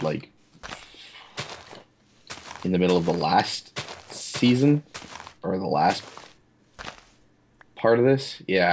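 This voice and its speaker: A man's voice: deep voice, a little hiss or hum. A man chatting casually while gaming, with a dry, matter-of-fact way of talking. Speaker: co-host of a gaming video series.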